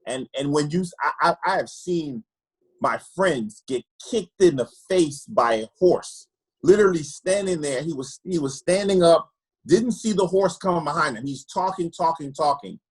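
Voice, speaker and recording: A man's voice: fairly high pitch, expressive, moderate pace, husky, poor audio. A man from Trinidad, an optometrist, telling candid personal stories in an earnest way and often repeating words as he searches for them. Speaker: optometrist guest.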